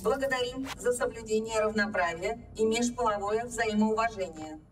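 A woman's voice: on the high side, normal speed, a little hiss or hum, natural voice. A woman voicing a stern security computer. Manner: cold, formal, repetitive announcements. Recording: distant voice over game music.

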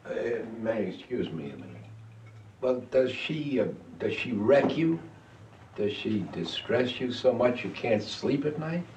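An actor playing a hesitant theater man who probes gently and conciliates. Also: mid-range voice, sing-song, measured pace. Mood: probing. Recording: roomy, distant film audio with hiss.

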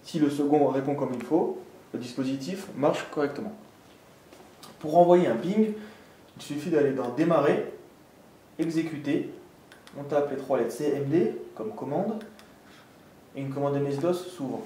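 Somewhat high in pitch and dark in tone, this man talks a little slowly, leaving long pauses as he methodically teaches a technical tutorial step by step. He's in an indoor room with a desk and green backdrop, and the audio is echoey, with a distant mic and faint noise.

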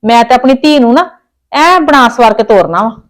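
A woman's voice: fairly high pitch, animated, normal speed, lightly acted. An actress playing a practical, stubborn middle-aged mother who insists and scolds in colloquial speech, with a Punjabi accent. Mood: insistent. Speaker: mother arranging her daughter's wedding.

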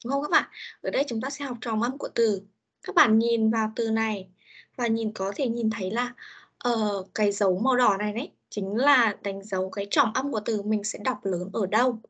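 Husky-voiced woman teaching online. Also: a little high, a little fast, a bit bright. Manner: mixes Vietnamese and simple English, hesitant fillers. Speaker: English teacher. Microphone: computer mic on a video call.

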